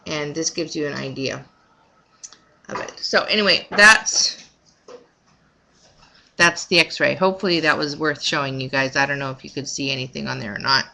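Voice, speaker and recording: A woman talking casually in a personal vlog, haltingly rephrasing herself as she goes. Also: low voice, vocal fry, sharp tone, slight background noise. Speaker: vlogger recounting her recovery from surgery.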